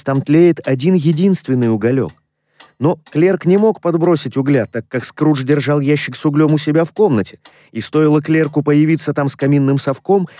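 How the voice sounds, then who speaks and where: A man narrating a classic story in a measured, expressive way. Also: mid-range voice. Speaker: audiobook narrator. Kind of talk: scripted literary narration.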